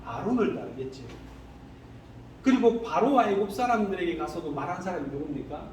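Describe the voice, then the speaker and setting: A male pastor preaching a sermon in a church, animated, who keeps asking the congregation rhetorical questions. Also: high voice, fairly quick. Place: church sanctuary. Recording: echoey hall, distant mic, faint noise.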